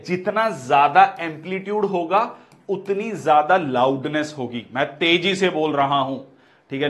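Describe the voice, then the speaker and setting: A man delivers an exam-prep physics lecture in a fairly high voice. He explains step by step, repeats key terms and checks in often with short confirmations. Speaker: physics teacher.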